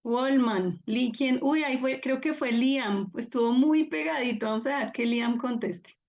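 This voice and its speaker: A woman's voice: sits high, unhurried, darkish tone, dull audio. A woman teaching a live online class, encouraging and upbeat as she calls on students by name over a video call. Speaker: Biblical Greek teacher.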